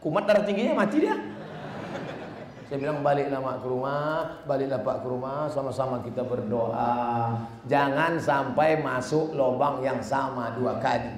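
A male preacher, giving a lively sermon in a large hall, answering questions and acting out the people he describes. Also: mid-range voice, moderate pace, slight background noise. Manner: animated, mimics askers and rises to shouts. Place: large hall with a live audience. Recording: roomy live hall with faint ambience.

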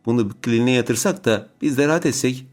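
A man's voice: medium pitch, fairly quick, faint music behind, voice pushed up, close to an everyday voice. A man putting on a spiteful sneering aunt. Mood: complaining. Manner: sneering, spitting insults. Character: spiteful scornful middle-aged aunt, a woman.

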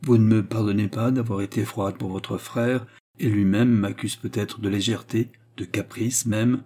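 A man's voice: lowish voice, fairly even intonation, moderate pace, dark tone, close to an everyday voice. A man reading a proud, anguished queen of France in an audiobook, pleading with impassioned speech. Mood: coaxing.

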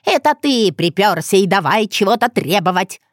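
A woman voicing a sly, hunched ancient village witch woman who talks in a slow, creaky, mocking way. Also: medium pitch, expressive, no room sound, clean studio sound, lightly acted. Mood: scornful.

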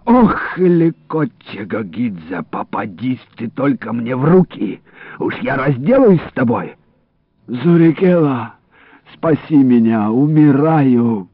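A man voicing a groaning, wounded old man who pleads and curses in a high wailing voice. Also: sing-song, a little slow, no echo. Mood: pleading. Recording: dry, phone-like narrow sound.

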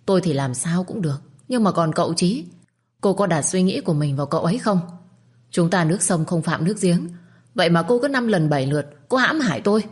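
Defiant young wife snapping back quick, husky edge, woman doing it. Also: fairly low pitch, animated. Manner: cutting, rapid retorts.

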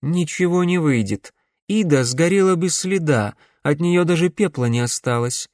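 A stern middle-aged necromancer woman speaks in measured, insistent sentences, voiced by a man reading an audiobook. Her voice sits somewhat higher than a man's plain voice. The sound is dry and close, with no room around it. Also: animated, a little mellow, dry recording, close to an everyday voice.

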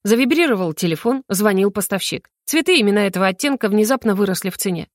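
A woman narrating a first-person audiobook in a lively, expressive, exasperated way. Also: medium pitch, fast talker, dry recording, clean studio sound.

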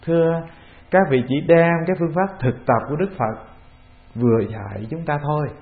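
A man with a Vietnamese accent, a Buddhist monk giving a calm, measured dharma talk, often putting questions to the assembly. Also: fairly high pitch. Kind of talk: sermon. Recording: tinny phone-like lo-fi recording.

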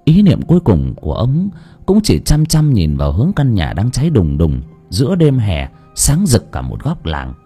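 A man narrating an audiobook story in an expressive way. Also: lowish voice, normal speed, breathy edge, soft background music.

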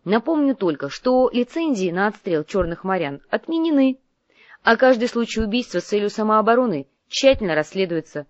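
A woman voicing a calm, shrewd young male mercenary who bargains firmly and businesslike. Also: mid-range voice, moderate pace, dry recording, highs cut off, voice pushed up, lightly acted. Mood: bargaining.

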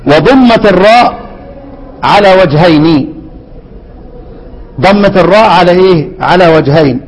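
A man with an Egyptian accent teaching a lesson on Quran readings, quizzing his students with rhetorical questions and slowly repeating words. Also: high voice, expressive, long reverb tail, poor audio. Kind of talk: lesson explaining a classical poem on Quran readings.

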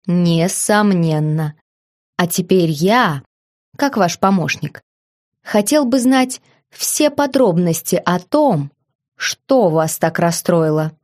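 A woman reading the lines of a calm, gallant young marquis who teases lightly, in an audiobook. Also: fairly low pitch, slow pace. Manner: calm, courteous, lightly amused.

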